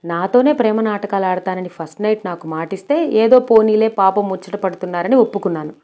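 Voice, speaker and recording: An indignant young wife, as a woman reads her out, tearing into her husband in a storybook reading. She scolds hard, every line a reproach, in a voice of middling pitch. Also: animated, brisk, highs cut off, natural voice. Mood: angry scolding.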